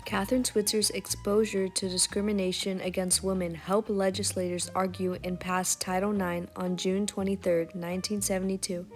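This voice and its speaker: Woman narrator, very flat intonation, scripted documentary read, faint music behind. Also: mid-range voice, moderate pace, hardly any pauses. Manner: steady, read-aloud delivery.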